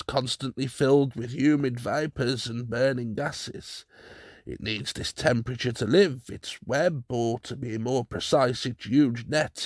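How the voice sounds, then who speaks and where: A man voicing a stout, kindly older gentleman who speaks gently and earnestly. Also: medium pitch, dry recording, studio quality, lightly acted.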